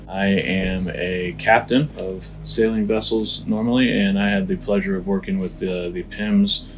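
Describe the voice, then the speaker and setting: A man who captains sailing vessels, introducing himself in a halting way with frequent fillers. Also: low voice, steady tone, dull audio, slight background noise.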